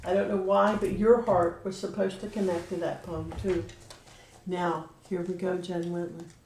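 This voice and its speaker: A woman's voice: fairly low pitch, flat delivery, moderate pace, darkish tone, a little hiss or hum. A woman giving an angel card reading on a livestream, talking straight to a viewer in an earnest, heartfelt way. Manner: earnest, emotional, talks directly to a viewer. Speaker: card reader and medium. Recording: echoey room.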